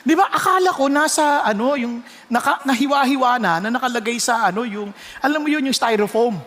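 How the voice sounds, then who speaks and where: A pastor with a Filipino accent preaching a sermon, mixing Tagalog and English with sudden loud exclamations. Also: male voice, extremely high pitch, a little fast, long reverb tail.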